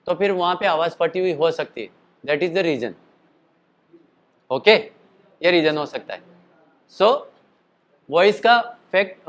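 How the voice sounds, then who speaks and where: His throat still worn from last night's show, a male voice teacher with a slightly high voice talks through a relaxed singing lesson. He rambles chattily, pausing at times to show calls and sung notes.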